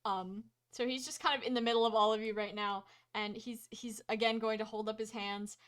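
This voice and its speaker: A woman's voice: fairly high pitch, fairly even intonation, fairly bright tone. A woman narrating a tabletop game as game master in a casual, colloquial, improvised way. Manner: halting, colloquial, full of 'like'.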